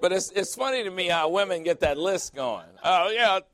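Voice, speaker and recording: A man's voice: high-pitched, animated, brisk, fairly bright tone. A male pastor preaching a sermon in a church, joking and conversational with sudden emphatic swings.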